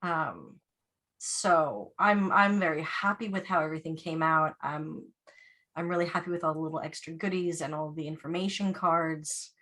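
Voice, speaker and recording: A fairly low-voiced woman chats easily over a video call, laughing often as she talks. She sounds relaxed and conversational, like a yarn dyer explaining her craft to friends. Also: normal speed. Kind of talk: casual video call chat.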